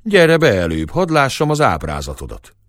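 A man's voice: medium pitch, huge pitch swings, dry recording, clean studio sound, voice pushed up. A man voicing a hostile, proud old shepherd who speaks suspiciously and tauntingly.

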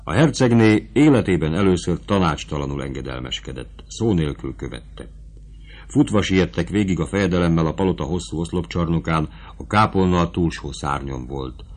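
A man narrating a classic novel as an audiobook, in a measured, expressive reading. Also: sits low.

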